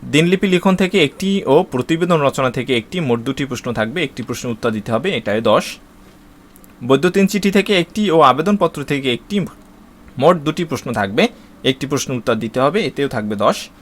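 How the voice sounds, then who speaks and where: A man's voice: mid-range voice, expressive, fairly quick. Man reading out a syllabus, filler-heavy. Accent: Bangladeshi Bengali. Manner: reads out lists steadily, with frequent "uh" fillers and restarts. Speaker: teacher explaining an exam syllabus. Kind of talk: spoken lesson to students.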